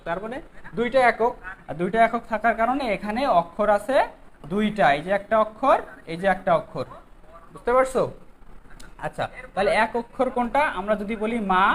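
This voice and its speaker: A teacher runs an exam-prep grammar lesson at a mid-range pitch. The teacher keeps putting questions to the students and checking that they have followed. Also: a bit bright, slight background noise, poor audio. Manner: quizzes students, keeps asking "okay?".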